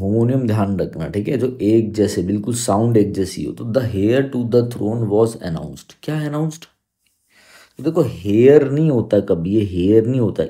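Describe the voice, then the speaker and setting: A man's voice: fairly low pitch, mellow. A man teaching an exam-prep English vocabulary lesson, explaining in Hindi mixed with English, spelling words out letter by letter and often checking understanding. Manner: emphatic, repeats "theek hai" to check understanding.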